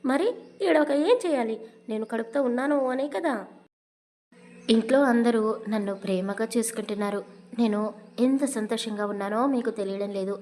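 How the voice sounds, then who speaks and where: A woman's voice: a little high, moderate pace, long pauses, darkish tone, close to an everyday voice. A woman voicing an innocent, childlike young bride who asks wide-eyed, pleading questions. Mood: naive.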